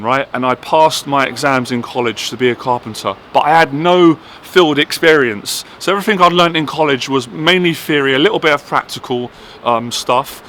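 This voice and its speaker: Bright-voiced man telling a story. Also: mid-range voice, slight background noise. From Ireland. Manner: chatty, keeps asking "right?". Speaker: vlogger sharing a personal story. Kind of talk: casual storytelling monologue.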